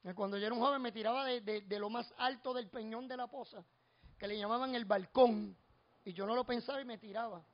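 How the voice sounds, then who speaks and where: A man's voice: extremely high pitch, fairly even intonation, fairly quick, muffled recording. A middle-aged man with a Puerto Rican accent, preaching a sermon with personal stories that build to fervent repeated refrains. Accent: Puerto Rican Spanish.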